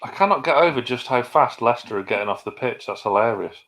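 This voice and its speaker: An excitable man hosting a casual football watch-along, repeating his exclamations. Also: mid-range voice, fast talker, poor audio.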